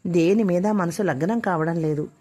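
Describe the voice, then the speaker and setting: A woman voicing a distraught middle-aged mother who is fearful and quick-tempered, speaking in a tearful, pleading way. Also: lowish voice, mellow, pitched below the performer's own voice, lightly acted. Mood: anxious.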